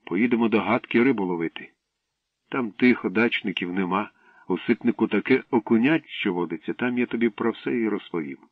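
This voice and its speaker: A man's voice: fairly low pitch, a little fast, dry recording, distant mic, close to an everyday voice. A man reading aloud, voicing an earnest, secretive village boy. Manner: earnest, a little weary. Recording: dry tinny radio broadcast.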